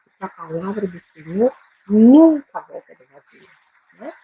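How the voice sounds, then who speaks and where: A woman with a Brazilian Portuguese accent teaching a live Bible-based English lesson, speaking slowly and emphatically, repeating phrases and often adding tag questions. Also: mid-range voice, big pitch swings, narrow, tinny audio.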